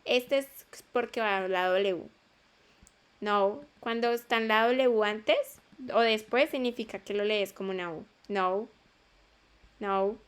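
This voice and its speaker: Slow, patient Spanish-speaking woman teacher. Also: medium pitch, clean tone. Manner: patient, repeats sounds and checks understanding. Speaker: English teacher. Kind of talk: online class explanation.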